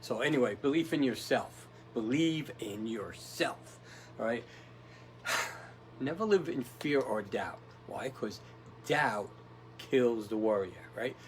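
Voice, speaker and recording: A man's voice: mid-range voice, lively intonation, takes it slowly, faint music behind, rough recording. A man giving a casual motivational talk, rambling and tough-talking, often checking in with "right?". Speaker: motivational speaker.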